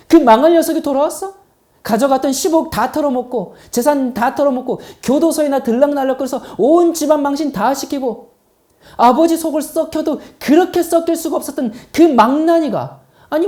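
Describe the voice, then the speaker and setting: A man preaching who acts out an indignant grown older son, shouting his protests at his father. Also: extremely high pitch, normal speed, voice pushed up. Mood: outraged.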